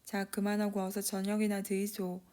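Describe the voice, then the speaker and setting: A woman's voice: mid-range voice, monotone, moderate pace, close to an everyday voice. A woman voicing a weary Gyeongsang mother. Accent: Gyeongsang dialect. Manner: soft, murmuring. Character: weary patient mother, quietly worried.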